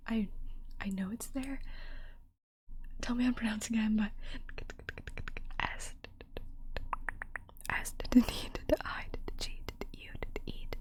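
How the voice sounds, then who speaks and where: Female ASMR streamer, quick hushed whisper, higher-set, casual and chatty with repeated little phrases. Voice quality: soft, mostly unvoiced whisper. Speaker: ASMR livestreamer.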